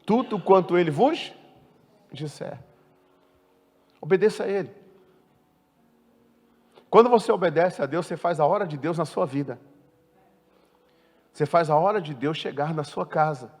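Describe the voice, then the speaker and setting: A man preaching a sermon to his congregation, putting questions to them and driving his points home. His voice sits fairly high and swings from loud, emphatic peaks to low, quiet endings. It rings with the long reverb of a church hall. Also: normal speed, pauses often. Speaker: pastor.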